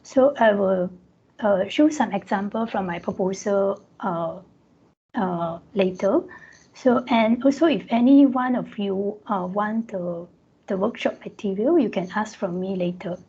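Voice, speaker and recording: A woman academic presenting at an online workshop, talking haltingly with frequent pauses, heard through screen-recorded video-call audio. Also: mid-range voice, warm tone, slightly rough, muffled recording. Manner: halting, pausing often mid-sentence. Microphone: computer mic on a video call.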